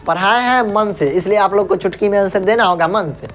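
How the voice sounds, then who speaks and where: A man's voice: sits high, fairly quick, a little hiss or hum. A male teacher giving an exam-prep grammar lesson, saying sounds aloud and asking and answering his own questions.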